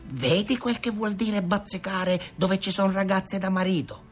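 A worried peasant mother, as a male narrator puts her on, high and thin in tone. She reproaches gently but firmly. Heard in a storybook with faint music. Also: unhurried. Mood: reproachful.

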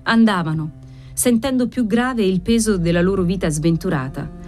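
A woman reading a literary novel aloud in a measured, expressive storytelling manner. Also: medium pitch, faint music behind. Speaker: audiobook reader. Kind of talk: literary narration.

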